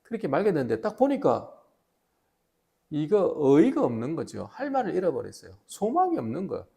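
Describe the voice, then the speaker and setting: A male pastor with a Gyeongsang Korean accent, preaching a sermon with emphatic, animated storytelling. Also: fairly high pitch, creaky. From Gyeongsang region, South Korea.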